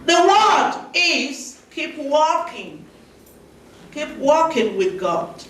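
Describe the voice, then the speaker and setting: A woman preacher leads a sermon at an unhurried, deliberate pace and calls out for amens. Her voice is high and bright. It reaches the mic from far off in a booming, echoey hall with faint background noise. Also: sing-song. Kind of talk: sermon with congregation call-and-response.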